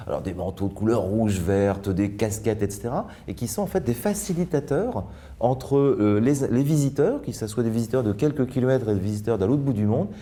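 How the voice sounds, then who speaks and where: A man's voice: mid-range voice, warm tone. A man, a guest in a panel discussion, explaining at length with hesitations and restarts. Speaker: debate guest.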